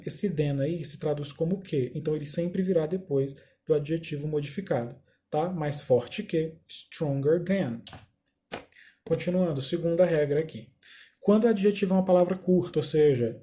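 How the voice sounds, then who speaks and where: Man, teacher, very mellow dark voice, slightly high pitch, patient and explanatory, recorded slide lesson. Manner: patient, explanatory, slows down to spell out examples; reads slide text aloud and then restates it. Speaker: English teacher.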